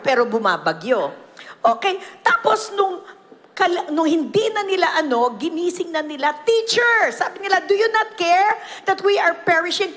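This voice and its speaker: Very high-voiced Filipino woman pastor. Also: in a large hall. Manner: mixing Tagalog and English, animated storytelling. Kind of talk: sermon. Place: church.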